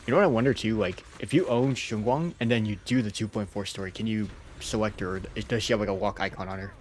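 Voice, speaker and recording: A streamer does casual live gameplay commentary over game music, chatting, laughing a lot, and swearing casually while reading story summaries aloud, even though he's feeling unwell. He talks fast in a fairly low voice, with slight background noise.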